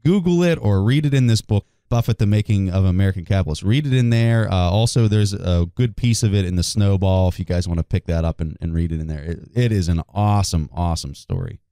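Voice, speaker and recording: A man co-hosting a casual podcast, speaking with a low, mellow voice. He tells stories with emphatic enthusiasm. The sound is dry and close, with no room echo. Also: quick pace, few pauses, smooth. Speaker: podcast co-host.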